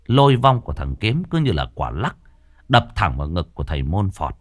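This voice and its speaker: A man narrating a ghost story with dramatic, expressive delivery. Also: sits low, a little fast, no echo.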